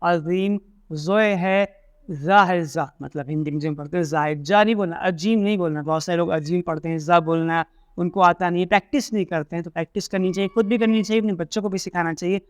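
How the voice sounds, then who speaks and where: Male religious teacher, clear resonant high voice, dry close recording, patient instructional delivery. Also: steady tone, no echo. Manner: demonstrates recitations slowly and deliberately; explanatory, repeats points, many restarts. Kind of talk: instructional video lesson.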